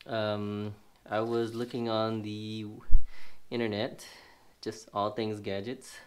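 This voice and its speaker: A tech reviewer with a stuffy, sniffly voice, fairly low and level, speaks slowly over a little hiss or hum. Seated indoors at a table, he casually narrates a gadget unboxing, rambling with many fillers as he thinks aloud while handling the box.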